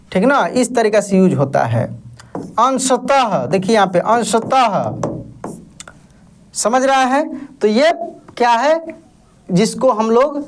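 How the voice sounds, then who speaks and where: A man with a high, light voice, teaching an online class at an unhurried pace. He poses a question to the viewers, then answers it himself, and keeps reassuring them there is nothing to worry about. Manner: reassuring, tells learners not to worry. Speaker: Hindi teacher.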